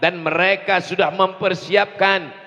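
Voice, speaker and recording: A man preaching a fiery rally sermon, slow and emphatic, with call and response, rising to shouts. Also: high voice, steady tone, highs cut off. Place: large outdoor rally. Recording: distant echo over crowd loudspeakers.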